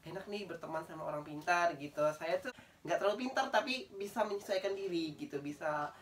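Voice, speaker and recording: A woman's voice: fairly low pitch, a little fast, far from the mic. A woman around thirty from Indonesia, a guest chatting casually about her school days, rambling with fillers and laughing often. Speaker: guest, old school friend. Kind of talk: casual chat. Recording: voice a bit away from the mic.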